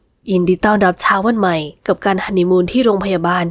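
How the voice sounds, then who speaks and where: A woman voicing a sly, affectionate young husband in an audio novel, speaking low and slow. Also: fairly even intonation, dry recording, natural voice. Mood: tender teasing. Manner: low, teasing, slow and intimate. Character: sly, tender young husband, hospital patient.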